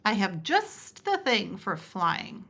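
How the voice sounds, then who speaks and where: Woman voicing a storybook knight, patient, practical, matter-of-fact, bright tone. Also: medium pitch, big pitch swings, takes it slowly, exaggerated voice. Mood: coaching.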